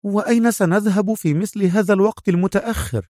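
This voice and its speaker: A startled yet brave young woman with a much higher voice, as a male narrator puts her on. She speaks tensely while trying to keep her composure. The recording is dry and close. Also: fast, no echo, close to an everyday voice. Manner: tense, trying to seem calm.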